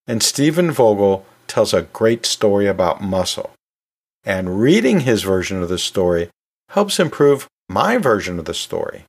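A man hosts a podcast in a conversational, storytelling manner, chatting informally and dropping asides the way a teacher talks to listeners; he teaches anatomy and physiology. His voice is lowish and sing-song, at a moderate pace.

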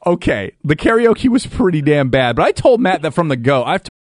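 A male radio host chatting casually with callers, teasing and joking in quick banter. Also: on the high side, big pitch swings. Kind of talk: casual call-in radio chat.

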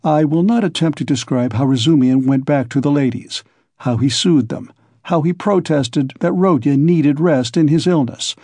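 A man narrating an audiobook in a measured, even storytelling manner. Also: on the high side, dry recording. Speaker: audiobook reader.

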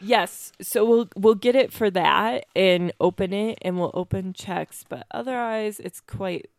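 A woman's voice: mid-range voice, measured pace, vocal fry, no room sound, clean studio sound. A woman in her thirties co-hosting a casual podcast, rambling and giggly with lots of fillers, sounding tired. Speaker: podcast co-host. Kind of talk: casual chat. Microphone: close studio mic.

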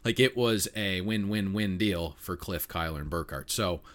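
Deep-voiced opinionated sports podcaster. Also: male voice, normal speed, a bit bright. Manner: opinionated, rambling with frequent fillers. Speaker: podcast co-host. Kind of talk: casual sports betting talk.

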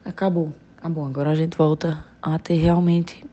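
A woman with a low, mellow voice speaks in an even, flat line as she reflects from the heart. The recording sounds dull and lo-fi. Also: moderate pace, slight background noise. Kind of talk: recorded testimony.

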